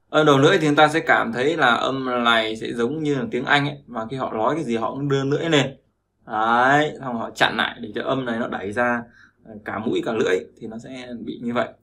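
Male language teacher, mid pitch, repeats himself, keeps checking in with listeners. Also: brisk, bright, forceful tone. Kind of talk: explaining pronunciation lesson.

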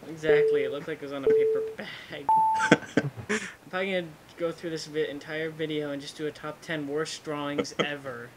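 A man's voice: fairly high pitch, fairly even intonation, brisk, crowd noise, rough recording. A man hosting a casual chat with friends while they play an online drawing game, joking and insistent as he tells a story. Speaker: host who edits the video.

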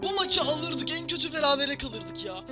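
A man commentating his own football video game match, shouting, groaning and swearing at the game. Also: very high-pitched, very animated, normal speed, over loud music. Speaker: gaming video host.

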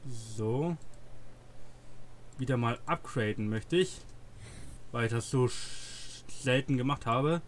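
A man's voice: mid-range voice, slow pace, long pauses, a little hiss or hum. A man giving casual gameplay commentary as a let's play host.

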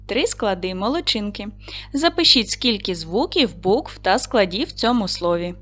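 A woman's voice: medium pitch, expressive, normal speed, sharp tone. A woman teacher giving a recorded lesson to second graders, patient and encouraging as she praises and guides the children. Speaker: primary school teacher.

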